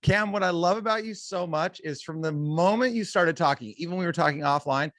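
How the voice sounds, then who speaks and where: A man's voice: fairly high pitch, fairly quick, fairly bright tone, no room sound. A man guesting on a podcast, a coach and speaker telling his own story in an open, candid way. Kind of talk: conversational interview storytelling.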